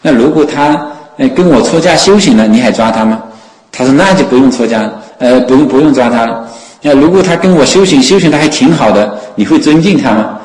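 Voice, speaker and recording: A man telling a story as a sermon, in an animated way full of fillers and exclamations. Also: medium pitch, fairly quick, reverberant, in a large hall, poor audio.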